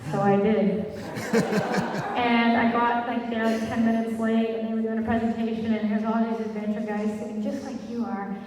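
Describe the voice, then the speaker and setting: A woman tells a story to a live audience and acts out the voices of the people in it, laughing as she goes. Her voice sits a little high. The mic is far off in a big echoey hall. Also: little pitch movement, moderate pace, a little mellow. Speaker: panel speaker. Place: large hall.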